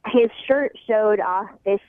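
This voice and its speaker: Over a narrow, thin-sounding phone line, a phone-in guest on a radio show talks casually in a medium-pitched voice, speaking slowly. She comes across a little hesitant and drily amused.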